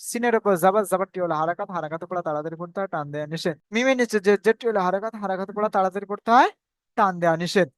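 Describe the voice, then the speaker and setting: A man teaching Quran recitation in an online class, patiently repeating rules and spelling out sounds slowly. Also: high-pitched, no room sound. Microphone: video call.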